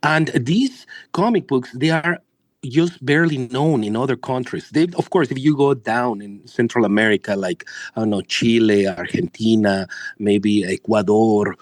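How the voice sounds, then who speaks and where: A man's voice: medium pitch, normal speed, no room sound. A man from Mexico with a Mexican accent, a Spanish native speaker, giving rambling, enthusiastic interview answers as a comic book publisher.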